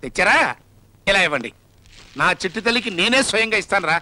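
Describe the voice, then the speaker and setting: Brief: fashion-mad rich dad, high bright tone, fussy and doting. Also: male voice, lively intonation, brisk, heavily acted, rough recording. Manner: doting and then fussy and complaining. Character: fussy rich father obsessed with modern fashion. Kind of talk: Telugu film comedy acting.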